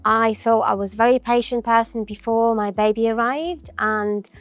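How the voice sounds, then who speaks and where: A woman guest on a podcast interview, gently advising parents in calm, explaining talk. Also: a little high, moderate pace, clean tone, dry recording.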